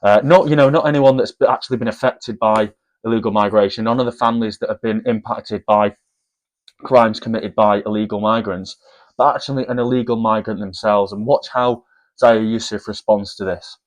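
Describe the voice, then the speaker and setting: A man's voice: on the low side, fairly even intonation, fairly quick, poor audio. A man giving opinionated commentary to viewers, with frequent restarts and repeated words. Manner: hesitant, repeats words, addresses viewers as guys. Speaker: commentary vlogger.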